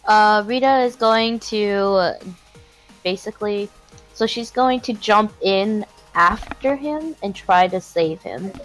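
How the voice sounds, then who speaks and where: A woman explains what her character does in a tabletop game, pausing often on fillers. Her voice sits at an ordinary pitch, with faint music in the background. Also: poor audio. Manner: hesitant, many fillers. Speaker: player. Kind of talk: casual tabletop play.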